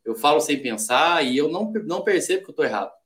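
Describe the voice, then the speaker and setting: A man from Brazil talks as a guest on a relaxed podcast. His voice sits a little high for a man, and he lays out ideas in numbered steps, now and then acting out short quoted lines to make a point. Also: quick pace. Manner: explains in steps, acts out quoted examples. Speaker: podcast guest, sales development rep. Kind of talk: casual podcast chat.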